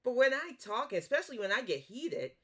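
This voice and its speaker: A woman's voice: on the high side, big pitch swings, a little fast, slightly rough. A woman with a New York accent giving blunt, profane, scolding commentary in a reaction video. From Northeast US. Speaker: commentary YouTuber.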